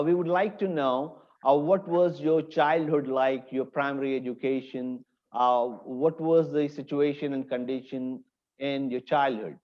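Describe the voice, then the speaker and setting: A man's voice: on the high side, lo-fi sound. A man hosting an interview, reading a formal introduction and asking questions with some hesitation. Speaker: interview host.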